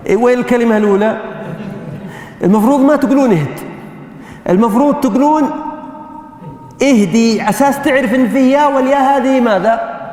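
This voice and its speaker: Middle-aged man, high-pitched professor quizzing a class, recorded in a reverberant lecture hall. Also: a little mellow. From Saudi Arabia. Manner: quizzing students, call-and-response drilling. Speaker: grammar professor.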